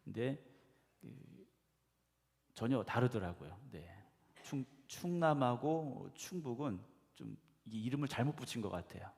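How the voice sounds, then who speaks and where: A male pastor preaching a conversational sermon, often putting questions to the congregation and affirming with a quick "yes.". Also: mid-range voice, vocal fry, a little mellow. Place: church sanctuary. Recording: echoey church hall.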